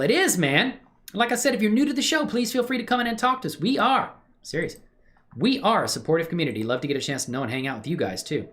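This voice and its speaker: Her deep, slightly bright voice carries a friendly, exclamatory chat with viewers as this woman hosts a casual livestream on her own channel, sitting indoors at a computer.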